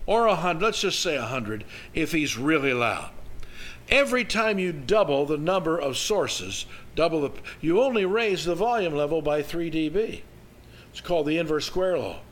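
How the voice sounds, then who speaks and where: Guy preaching like he's telling stories, kinda high bright voice, folksy, stops and restarts. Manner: folksy, animated, halting restarts. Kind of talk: sermon storytelling, conversational.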